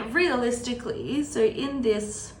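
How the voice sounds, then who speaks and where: A woman with a slightly high, fairly bright voice speaks slowly as she hosts a book readalong series, chatting in a casual, wry way and often wandering into asides. She's at a desk indoors, recorded by a camera sitting on or near it, with roomy echo and background room noise.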